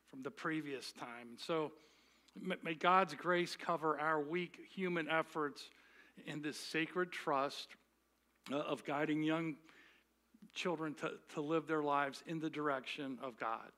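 A middle-aged pastor gives a sermon on parenting in a halting way, often restarting and repeating words. His voice is on the high side with a sharp tone.

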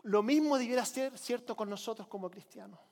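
A man's voice: extremely high pitch, a little fast, gravelly, big-room sound. A man preaching a sermon as pastor, urging his congregation to repeat lines with him. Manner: preaching with call-and-response to the congregation. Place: church.

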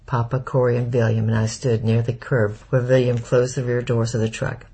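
A man reading a first-person story aloud in a steady, measured narration. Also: mid-range voice, husky. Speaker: audiobook narrator.

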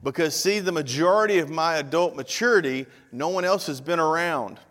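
A man's voice: on the high side, fairly quick, a bit bright. A man in his fifties, a pastor preaching a conversational sermon with frequent direct asides to the congregation. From Tennessee. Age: 50s. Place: church sanctuary. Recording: long reverb of a church hall.

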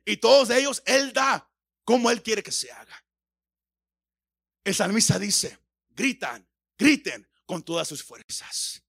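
A man preaching a sermon, stammering through restarts and building his voice up into shouts. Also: sits high, expressive, slow pace, vocal fry, long pauses, slightly rough, dry recording, studio quality. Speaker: pastor.

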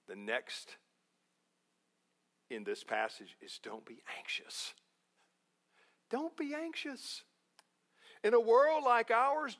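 A man's voice: high-pitched, a bit bright. Folksy guy preaching a sermon, corny jokes, repeats stuff, takes his time. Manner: folksy, jokey, emphatic repetition. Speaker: pastor.

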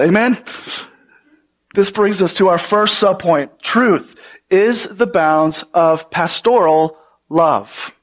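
A male pastor with a notably high voice delivers a Bible sermon. He speaks earnestly and with emphasis, often turning to the congregation with questions.

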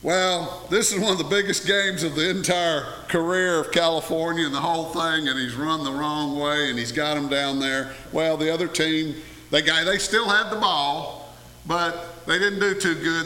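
Folksy preacher in an echoey church. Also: male voice, on the high side, moderate pace, bright, forceful tone. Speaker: pastor. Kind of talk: sermon. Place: church sanctuary. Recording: echoey hall with long reverb.

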